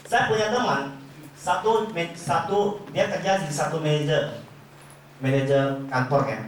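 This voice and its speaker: A man's voice: mid-range voice, slight background noise. A man giving a motivational sales talk to an audience, animatedly acting out both sides of conversations. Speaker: insurance sales trainer. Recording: very echoey room, distant mic.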